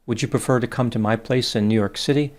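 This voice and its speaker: A man reading out the messages of a flirty female AI chatbot, slowly and plainly. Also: mid-range voice, fairly even intonation, lightly acted. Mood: gushing.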